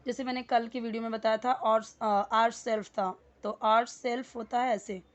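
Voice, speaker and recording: A woman's voice: a little high, steady tone, moderate pace, highs cut off. Woman teacher explaining words patiently. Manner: patient, repeats words, many fillers. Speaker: English teacher. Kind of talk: Hindi English lesson, explaining word by word.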